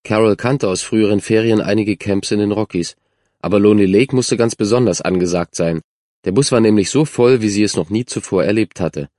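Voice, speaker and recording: A man giving scripted narration of a children's story in a measured, even way. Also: fairly low pitch, no echo, clean studio sound. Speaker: audiobook narrator.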